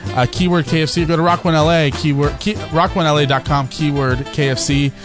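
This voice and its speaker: A man's voice: on the high side, steady tone, fairly quick, over music. A man hosting a radio show, steering the talk and reading news items with a wry, joking tone. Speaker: radio host. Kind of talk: casual radio banter.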